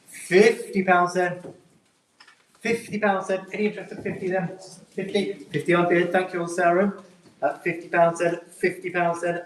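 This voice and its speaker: A man calls a live auction in a slightly raised pitch. His patter is polite and repetitive, circling through numbers and bids. The sound is echoey, with his voice some way from the microphone. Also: distant mic, slight background noise. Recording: echoey room, picked up from afar.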